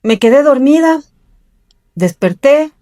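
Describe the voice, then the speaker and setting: A woman's voice: high voice, lively intonation, slow, warm tone. A middle-aged woman from Ecuador, telling her own life story in an interview in an earnest way and acting out the voices of the people in it. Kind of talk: personal storytelling.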